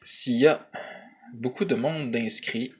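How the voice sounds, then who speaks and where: A man's voice: medium pitch, slow, a little mellow, slightly rough. A man with a Quebec French accent chatting casually to camera as a vlogger, hesitant and rambling, in colloquial slang.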